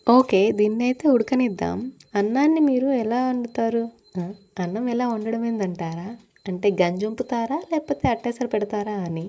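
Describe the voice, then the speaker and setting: A mother narrates her cooking in a casual vlog from a small, stuffy kitchen. She chats freely and keeps asking viewers questions. Her voice is mellow and soft-edged. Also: mid-range voice. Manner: chatty, asks viewers questions. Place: small hot kitchen room.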